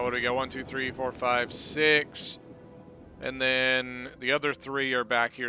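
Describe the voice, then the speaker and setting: On his gaming channel, a man with a mid-range voice offers laid-back, chatty commentary over a battle replay, sprinkling in plenty of "you know" and "uh."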